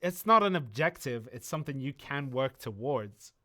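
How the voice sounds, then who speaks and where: A bright-voiced man, the community manager on a game stream, chats casually with viewers and answers their questions. His explanations are relaxed and rambling, with many ums and restarts, delivered in a mid-range voice at a moderate pace.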